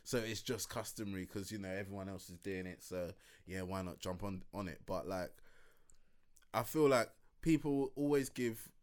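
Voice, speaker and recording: A man's voice: low-pitched, moderate pace, a little mellow. A man, co-hosting a casual podcast chat, joking and laughing often. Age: 30s. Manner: jokey, laughs often, slangy. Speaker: podcast co-host.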